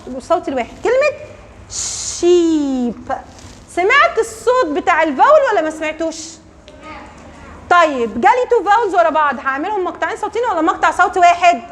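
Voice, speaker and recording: A woman's voice: very high voice, a bit bright, slight background noise. A woman with an Egyptian Arabic accent teaching young pupils, asking the same question again and again and calling children by name. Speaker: primary school English teacher. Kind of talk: children's lesson explanation.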